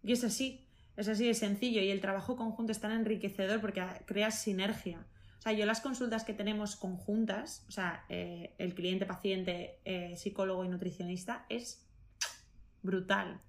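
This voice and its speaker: A woman speaks as a nutritionist in a relaxed interview. She sounds eager and talks her ideas through, restarting her sentences and leaning on small fillers as she goes. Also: medium pitch, moderate pace. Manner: enthusiastic, thinks aloud, rephrases with many fillers. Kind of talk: casual interview answers.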